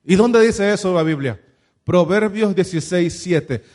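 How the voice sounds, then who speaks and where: High-voiced man preaching a sermon. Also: a little slow, darkish tone. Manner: preaching with many rhetorical questions. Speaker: pastor.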